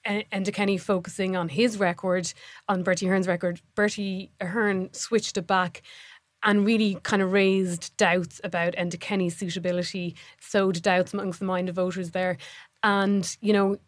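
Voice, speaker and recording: A woman's voice: medium pitch, level tone, moderate pace, no echo, studio quality. An Irish woman, a political reporter, giving reflective analysis on a news podcast. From Ireland. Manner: reflective, recalls past events.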